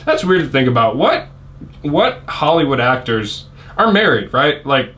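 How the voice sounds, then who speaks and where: A man's voice: mid-range voice, very animated, a little slow, fairly bright tone. A man co-hosting a casual podcast chat, rambling, laughing often, and trailing off mid-thought. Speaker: podcast co-host.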